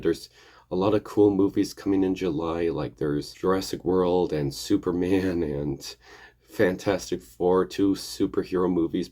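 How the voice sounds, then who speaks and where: A man with a slightly hoarse, gravelly voice from getting over an illness, chatting in a casual, rambling, hesitant way as a video host. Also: deep voice, warm tone. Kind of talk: casual rambling vlog chat.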